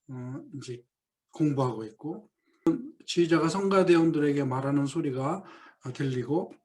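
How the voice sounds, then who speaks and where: A middle-aged male professor giving a lecture, explaining a play and reading quoted lines slowly. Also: a little high, a little mellow. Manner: reads quoted English lines very slowly, then explains them.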